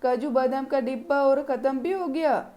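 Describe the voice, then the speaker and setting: A woman's voice: high-pitched, normal speed, lightly acted. Woman doing a taunting old mother-in-law. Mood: scolding. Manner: sharp, taunting. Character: scolding older mother-in-law of the house.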